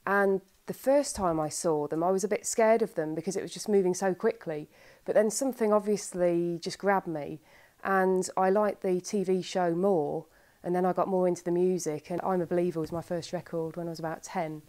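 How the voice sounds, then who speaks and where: Woman, middle-aged, chatty, enthusiastic, slightly low voice. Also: steady tone, normal speed, a little mellow. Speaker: fan. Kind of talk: casual interview.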